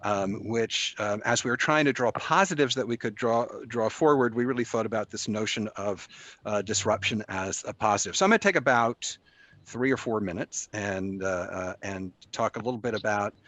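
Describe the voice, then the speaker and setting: A man with a fairly low voice and a dry, close sound hosts an informal group session. He talks conversationally and haltingly, often searching for the next word as he presents. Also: fairly bright tone, dry recording.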